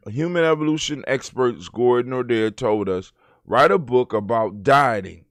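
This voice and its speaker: A man's voice: mid-range voice, fairly bright tone, dry recording, clean studio sound. A man hosting a casual talk show, reacting to news with profane rants and reading articles aloud. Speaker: podcast host.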